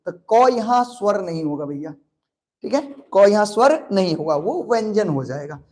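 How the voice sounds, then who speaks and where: A man with a Maithili accent teaching grammar for an exam, drilling students with quick questions and answering them himself. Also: high-pitched. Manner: lively, calls students pet names. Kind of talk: online exam-prep grammar lesson.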